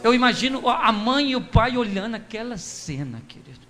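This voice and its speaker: A man preaching a lively sermon in a Brazilian accent, telling the story with jokes and acting out the people in it. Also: extremely high pitch, normal speed, a crowd in the background. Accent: Brazilian Portuguese. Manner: animated storytelling, acts out quoted voices, jokes. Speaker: pastor. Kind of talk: lively sermon with humorous asides.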